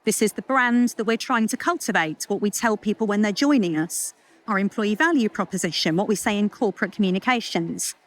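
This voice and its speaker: A woman giving a chatty, lively conference talk, full of jokes and asides. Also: medium pitch, brisk. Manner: lively, chatty, self-deprecating with puns and asides. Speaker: culture consultant speaker. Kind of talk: conference talk to a live audience.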